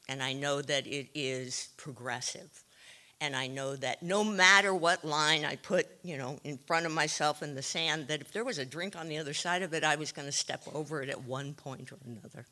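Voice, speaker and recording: A woman telling her own recovery story to a meeting, wry and self-deprecating, with frequent pauses and ums. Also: sits low, bright, forceful tone. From California. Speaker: AA speaker sharing her story. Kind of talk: recovery share, candid storytelling.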